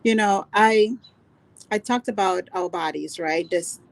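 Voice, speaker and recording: A woman's voice: medium pitch, a little slow, vocal fry, no room sound. A woman, born in Grenada, telling a personal story earnestly and unhurriedly on a video call, with many "you know"s. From Grenada, raised in Trinidad and Tobago. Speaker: guest speaker.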